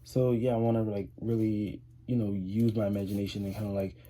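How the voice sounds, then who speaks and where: A man's voice: on the low side, flat delivery, a little fast, mellow. An eighteen-year-old man chatting casually to camera as a vlogger, rambling with lots of fillers and restarts. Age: 18, teenager. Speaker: vlogger, high school student.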